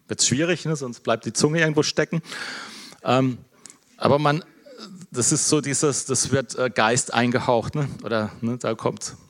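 Man, preacher, informal sermon, conversational, low-key, frequent fillers and restarts. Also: gravelly. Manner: conversational, tags nearly every phrase with "ne?", many fillers and restarts; calls himself introverted, talks in a thoughtful, low-key way.

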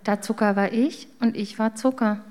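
A woman's voice: fairly high pitch, fairly even intonation, normal speed, close to an everyday voice. A sniffly, guilty salt shaker, read by a woman. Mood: remorseful. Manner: sniffly, quiet, remorseful.

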